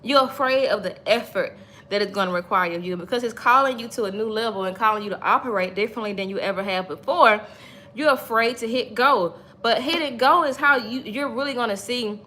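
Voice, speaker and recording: Her medium-pitched voice is bright and forceful, with a little background noise behind it. In her thirties, this livestream host gives viewers a repetitive, emphatic, preachy motivational talk rooted in faith, talking with them as she goes.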